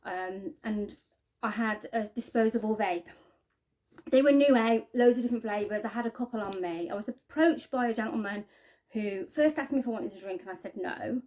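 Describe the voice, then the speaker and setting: A woman tells her own story straight to camera in a mellow, warm voice. She speaks haltingly and earnestly, often trailing off into quiet restarts. Her pitch sits in an ordinary middle range for a woman. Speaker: spiking victim sharing her story. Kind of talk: personal testimony to camera.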